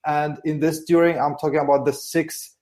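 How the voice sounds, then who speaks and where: A Syrian man speaks English, his second language, with a Kurdish first tongue behind it. His voice is dark and mellow. He talks haltingly, full of fillers and restarts, as an interview guest. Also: fairly high pitch, level tone. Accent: Syrian Arabic. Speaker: guest journalist. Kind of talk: interview answers.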